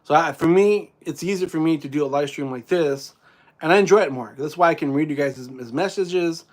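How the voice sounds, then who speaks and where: A man with a slightly high voice sits and chats on his live stream. He rambles through his thoughts, restarting sentences and filling gaps with fillers as he reads viewers' messages. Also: brisk. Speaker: theme park vlogger and live streamer. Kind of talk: casual live stream chat.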